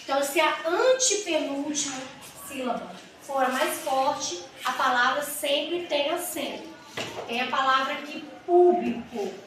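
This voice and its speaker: A woman teacher giving a grammar lesson, explaining step by step with rhetorical questions and drawing out example words slowly. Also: sits high. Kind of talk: grammar lesson for exam students. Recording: echoey room with mic far off and noise.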